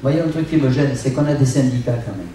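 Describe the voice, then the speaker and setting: An outspoken man in his sixties, a veteran singer, talks bluntly on a convention panel. He sounds distant in a very echoey hall, with clear noise behind him. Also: medium pitch, expressive, rapid-fire, mellow.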